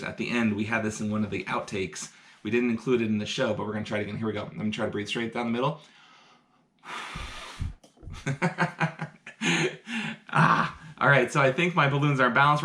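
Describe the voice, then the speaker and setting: Indoors, a science educator teaches through a live demonstration, upbeat and explaining each step for kids. His medium-pitched voice is bright and forceful, with a roomy sound.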